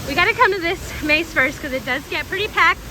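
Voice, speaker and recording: A woman's voice: extremely high pitch, animated, quick pace, background noise. A woman hosting a casual vlog at an outdoor theme park, filmed on her phone, chatty and upbeat with frequent laughs. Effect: phone video recording. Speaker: vlog host. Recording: phone video with loud music and crowd.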